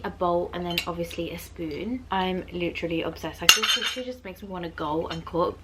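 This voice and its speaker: A British woman talks to her viewers in a casual, bubbly, gushing way, leaning hard on her excited emphasis. Her voice sits a little lower than most women's. The recording has clear background noise and clicks. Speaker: haul vlogger.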